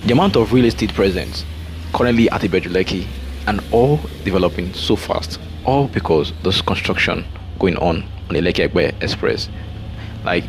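Low-voiced Nigerian man, casual driving vlog commentary, car noise behind. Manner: relaxed tour-guide narration, pointing out sights. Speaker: vlogger. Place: inside a moving car.

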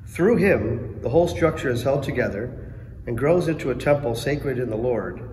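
A male lector reads scripture and leads the psalm in a steady, clear voice of middle pitch. His voice rings out in the long echo of a large church, with faint room ambience under it. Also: moderate pace, slight background noise. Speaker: lector at Mass. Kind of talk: liturgical reading and psalm.

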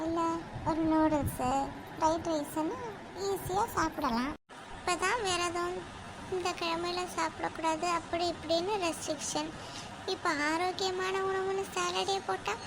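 A cartoon little sister with a very high, piping voice, as a performer puts her on, always hungry and whining to her mother. The voice begs and sulks. The recording carries a clear background hiss. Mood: grumbling. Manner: whining, pleading. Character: hungry, whiny little girl, the younger sister.

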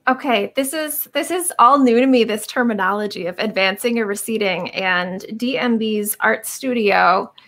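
A woman's voice: on the high side, normal speed, few pauses, fairly bright tone. A woman hosting a live art stream, chatty and hesitant, with frequent ums. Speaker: livestream host. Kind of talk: casual livestream chat. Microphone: computer microphone on a video call.

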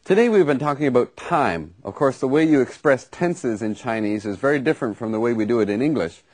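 A man's voice: mid-range voice, expressive, fairly quick, a little mellow, slightly rough. A man teaching vocabulary and grammar in a lesson, explaining patiently with examples. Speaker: language teacher.

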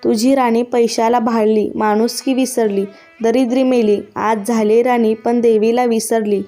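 A woman voicing a poor old woman, a goddess in disguise, who speaks softly and coughs now and then. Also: fairly high pitch, little pitch movement, measured pace, soft background music, close to an everyday voice. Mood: bitter.

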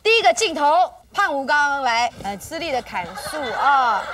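High, giggly woman hosting a TV show. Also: normal speed, crowd noise. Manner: giggly, teasing, lively stage narration. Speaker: variety show host. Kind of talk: playful variety show hosting, directing a skit. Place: TV studio set. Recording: far from the mic, loud studio audience.

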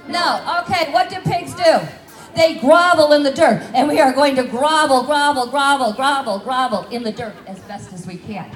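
Speaking at a moderate pace in a voice that sits high, a woman leads kids in a circle dance on the grass at an outdoor festival. She's a folk dance leader calling out playful, lively directions over a handheld mic. Shot from afar, the audio sounds distant and echoey, with music and crowd noise mixed in.

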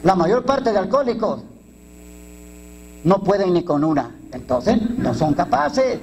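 A man's voice: high voice, very animated, measured pace, a little mellow, slight background noise, rough recording. A man with a Mexican Spanish accent, a priest giving an informal talk to a twelve-step recovery group, blunt and coarse, full of slang, jokes and rhetorical questions.

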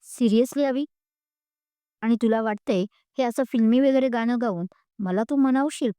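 A woman's voice: on the high side, a little slow, clear, resonant tone, no room sound, close to an everyday voice. A woman voicing an angry, hurt young woman student who scolds sharply and is close to tears, in a spoken storybook. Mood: angry, tearful. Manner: sharp, raised, tearful scolding.

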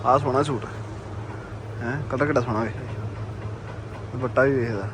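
A man's voice: mid-range voice, fairly even intonation, moderate pace. A man with a Punjabi accent chatting casually as a vlog co-host, recorded on location. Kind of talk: casual chat. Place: on location in bazaar and shops. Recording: noisy street and market surroundings.

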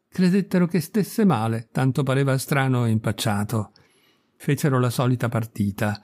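Gravelly male storyteller. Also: medium pitch, darkish tone. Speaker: narrator reading a short story. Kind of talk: storytelling narration.

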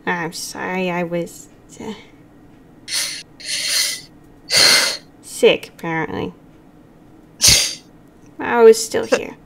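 Woman playing a soft-spoken pumpkin spirit. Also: fairly high pitch, measured pace, slight background noise. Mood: gentle. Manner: soft, apologetic, reassuring. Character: gentle male pumpkin spirit patron, caring. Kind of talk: tabletop role-play.

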